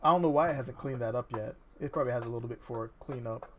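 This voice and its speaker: A man chatting casually while playing an online game with a friend, upbeat and quick to laugh. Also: medium pitch, slight background noise. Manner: upbeat, laughs often, excitable. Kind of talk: casual gaming chat.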